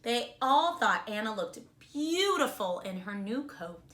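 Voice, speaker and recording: A woman reading a storybook aloud to young children in a kindergarten teacher voice, expressively and deliberately, explaining words simply as she goes. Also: fairly high pitch, sing-song, a bit bright.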